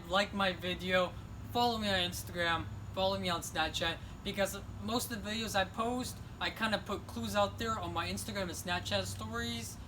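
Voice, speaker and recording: Male car reviewer with a high voice, filmed on his own handheld phone outdoors, faint background hiss, chatty and keen. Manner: chatty, enthusiastic, pointing things out. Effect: phone video recording. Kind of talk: casual walk-around car review. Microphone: phone camera held in hand.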